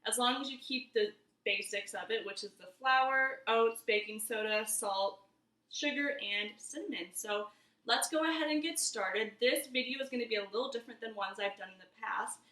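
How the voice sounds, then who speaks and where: A woman's voice: fairly high pitch, moderate pace, bright, forceful tone. A woman in her twenties giving a casual cooking demonstration in her home kitchen, chatty and easygoing as she talks viewers through each step. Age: 20s. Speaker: cooking vlogger. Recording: roomy kitchen echo.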